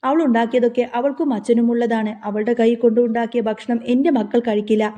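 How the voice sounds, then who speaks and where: A woman's voice: on the high side, steady tone, quick pace, natural voice. A woman narrator reading the lines of a spiteful, stubborn middle-aged mother who speaks sharply and curses her daughter. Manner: sharp, cursing.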